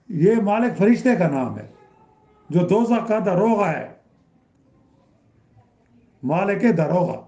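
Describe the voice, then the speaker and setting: Guy teaching quran lesson, kinda high voice, muffled lo-fi echoey room, keeps repeating for emphasis. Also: mellow. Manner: explains by repeating and rising in emphasis. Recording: roomy, dull lo-fi recording.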